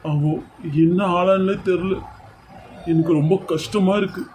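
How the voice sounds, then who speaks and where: A man's voice: high voice, fairly even intonation, a little slow, a little mellow, slight background noise, low-quality recording. A man voicing a guilt-ridden young groom in a cartoon serial, remorseful and despairing.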